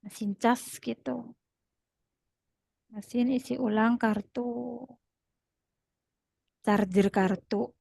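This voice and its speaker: A woman teaching a language class in a fairly high voice, patient and repetitive as she walks through each term. She laughs easily between explanations. The sound is close and dry, with no room around it. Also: fairly even intonation, extremely slow, creaky, pauses often, darkish tone, slightly rough, no echo. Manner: explains patiently, repeats terms, laughs often. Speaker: Korean language tutor.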